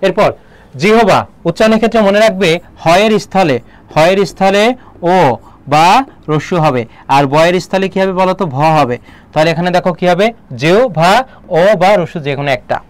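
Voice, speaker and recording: A Bangladeshi man teaching an online exam-prep class, explaining and quizzing students with quick questions. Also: sits high, dry recording. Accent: Bangladeshi Bengali.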